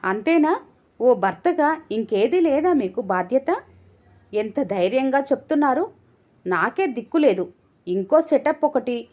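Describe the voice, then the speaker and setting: A woman's voice: fairly high pitch, measured pace, pauses often, darkish tone. A woman voicing a timid but indignant young wife in a storybook tale, speaking with hurt bitterness. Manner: hesitant, then bitter.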